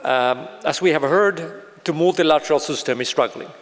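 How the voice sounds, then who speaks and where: A man moderating a panel on stage, hesitant and filling pauses with "uh". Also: a little high. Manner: hesitant, many fillers. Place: large concert hall stage, live event. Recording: long reverb of a large hall.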